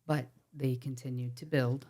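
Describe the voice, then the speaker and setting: A woman's voice: extremely low pitch, fairly even intonation, moderate pace, warm tone. A woman from Ontario, a podcast guest talking earnestly and passionately about protecting water, with wry asides. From Ontario, Canada. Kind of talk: podcast conversation. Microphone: podcast mic.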